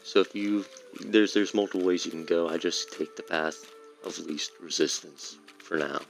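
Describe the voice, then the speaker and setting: A low-voiced man, creaky and fairly even in intonation, talks at normal speed over soft background music. He's a gameplay streamer giving casual, rambling commentary while he plays, often correcting himself mid-sentence.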